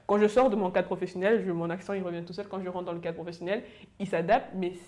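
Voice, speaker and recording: A woman from Cameroon, a guest in a panel discussion, speaking reflectively with quick restarts. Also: fairly low pitch, steady tone, darkish tone. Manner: talks fast, reflective, with frequent restarts. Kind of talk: casual discussion.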